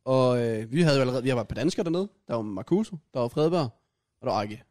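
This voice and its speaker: A man's voice: medium pitch, expressive, a little mellow. A man co-hosting a casual podcast, telling a shared travel story in a loose, hesitant way with fillers. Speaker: podcast co-host. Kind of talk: casual chat.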